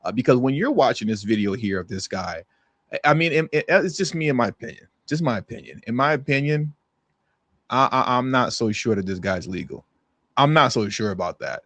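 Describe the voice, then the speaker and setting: A man's voice: medium pitch, lively intonation, brisk, a bit bright, no room sound. A man hosting an opinion commentary on news clips, emphatic, repeating his points and acting out quotes. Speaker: commentary host.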